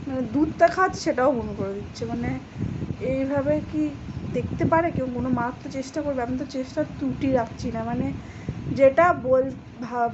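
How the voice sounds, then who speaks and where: A woman's voice: sits high, muffled recording, background noise. A young woman, a mother, talking in a worried, pleading way about her sick child. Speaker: mother and vlogger. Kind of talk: emotional vlog talk.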